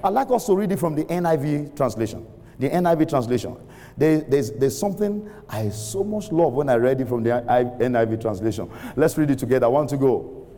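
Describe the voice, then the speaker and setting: A middle-aged man preaching a sermon, using call-and-response, laughing often and rising to shouts. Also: mid-range voice, animated, a little fast. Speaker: pastor. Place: large church hall with congregation. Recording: reverberant hall, faint room ambience.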